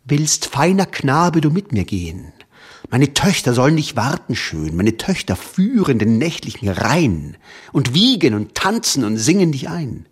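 A man voicing a seductive, menacing spirit king in a slow, breathy whispered role-play. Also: medium pitch, sing-song, voice pushed up. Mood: luring. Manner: slow breathy whisper, luring then threatening.

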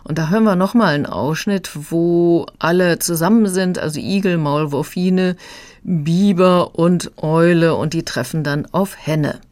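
A woman reviewing a children's audiobook on the radio, calm and explanatory. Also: lowish voice, measured pace, no echo. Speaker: book critic.

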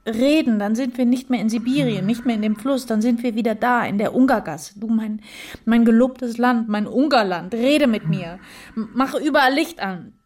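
A woman's voice: fairly high pitch, normal speed, darkish tone, distant mic. A woman in a dramatic reading, pleading in a breathless, urgent way.

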